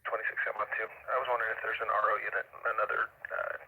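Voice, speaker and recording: A man, a police officer, making brisk, clipped radio calls with ten-codes, heard over a walkie-talkie. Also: on the low side, completely flat delivery, sharp tone, husky, rough recording. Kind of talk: radio call-ins using ten-codes.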